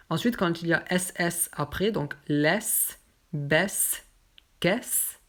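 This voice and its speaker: A woman teaching pronunciation, saying example words slowly and repeating them carefully. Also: low-pitched. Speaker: French teacher. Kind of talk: pronunciation lesson.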